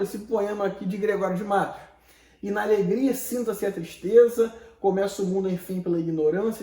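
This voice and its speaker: A Brazilian man with a high voice gives a relaxed, chatty Portuguese lesson. He explains with rhetorical questions and casual slang. The room echoes around him. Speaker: Portuguese teacher. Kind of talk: online lesson lecture.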